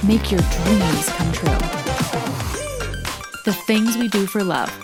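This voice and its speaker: A woman reads a scripted commercial in a soft, smiling voice. Loud backing music plays under her throughout. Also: mid-range voice, slow pace. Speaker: ad voice-over.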